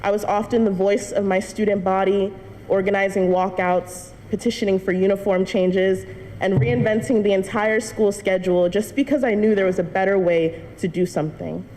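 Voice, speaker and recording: Warm in tone and fairly even in intonation, a young woman's mid-range voice moves at a moderate pace through an earnest testimony to a church congregation, with light laughs along the way. She is a student, and the church hall adds long reverb and faint noise.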